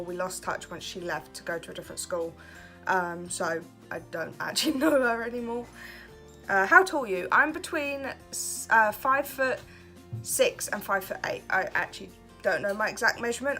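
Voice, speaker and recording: A woman's voice: mid-range voice, pushed and bright. A woman in her twenties from Kent, chatting casually and laughing at herself as she answers questions for her vlog. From Kent, England. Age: 20s. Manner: chatty, self-deprecating, laughs often. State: relaxed late at night. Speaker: vlogger. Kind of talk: casual get-to-know-me chat.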